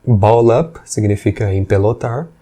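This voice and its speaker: A man, teaching English patiently and slowly repeating examples. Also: fairly low pitch, warm tone. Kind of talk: explanatory language lesson.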